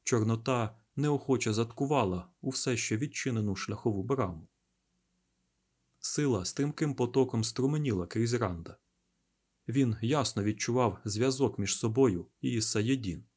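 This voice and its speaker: A man reading a fantasy audiobook in a steady, deliberate storytelling manner with dramatic pauses. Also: mid-range voice, breathy edge. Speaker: audiobook narrator.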